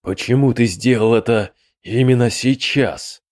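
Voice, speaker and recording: A man voicing a hot-tempered rotting demon prince who speaks in sharp, fierce outbursts. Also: medium pitch, measured pace, no echo, clean studio sound, close to an everyday voice. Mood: furious.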